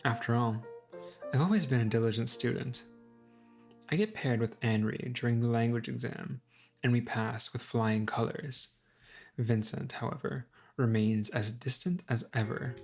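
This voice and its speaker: A woman streamer reading a visual novel aloud, narrating in a calm, reflective way. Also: extremely low pitch.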